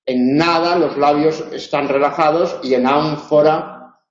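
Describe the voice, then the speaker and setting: A man with a fairly high voice and fairly even intonation lectures for an online tutoring session from a roomy, dull-sounding room. As a university lecturer, he explains patiently and demonstrates sounds slowly.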